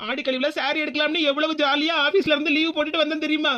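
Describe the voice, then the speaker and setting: A woman plays a young unmarried working woman in a cartoon who protests against talk of her marriage. She speaks in a with a bright, very high voice. Her delivery is very rapid. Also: level tone, lo-fi sound. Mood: upset. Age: young adult. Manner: protesting, indignant. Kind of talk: cartoon voice acting.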